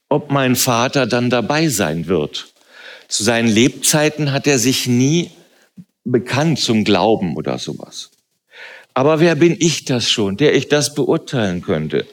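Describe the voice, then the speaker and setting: A man preaching a sermon in a church, moving between quiet reflective passages and loud emphatic calls. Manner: rises to loud emphatic calls, then drops soft and low. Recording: music playing behind.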